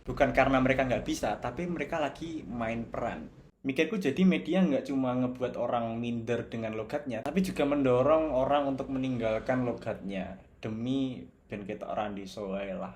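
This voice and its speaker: A young man from Java speaks with a clear Javanese accent in a relaxed, reflective commentary, easily switching between Javanese, Indonesian and bits of English. His voice sits at an ordinary middle pitch. A faint noise runs underneath the recording. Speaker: video essayist.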